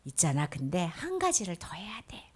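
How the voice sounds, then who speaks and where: A woman voicing a gentle, patient Jesus in a children's Bible story, speaking softly and at times in a whisper. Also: medium pitch, big pitch swings, moderate pace, natural voice. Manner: gentle, soft, often whispered.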